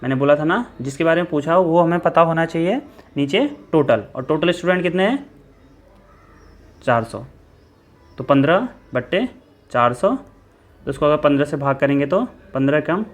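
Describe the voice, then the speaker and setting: A man teaching an exam-prep maths lesson, working through a problem step by step and repeating key points, with faint music behind him. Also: a little high. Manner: steady explaining, repeats steps, self-corrects. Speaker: maths tutor.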